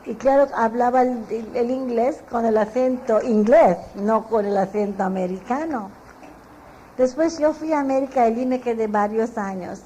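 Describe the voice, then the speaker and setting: An older woman with a Filipino Spanish accent recalls family stories, rambling warmly from one memory to the next and laughing at herself. Her voice is mellow and sits a little high. A faint hiss runs under it. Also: normal speed, rough recording. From Philippines. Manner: chatty, meandering, often laughing at herself. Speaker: interviewee. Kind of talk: relaxed storytelling recollection.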